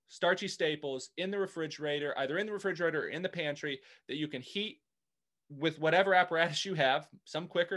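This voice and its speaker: A man's voice: a little high, a bit bright. A man as a guest in a casual interview, hesitant and full of restarts. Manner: hesitant, many restarts and fillers.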